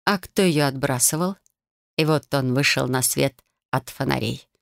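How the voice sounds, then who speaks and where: Woman audiobook narrator, low pitch, dry studio sound, expressive first-person fantasy storytelling. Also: moderate pace, vocal fry, no room sound.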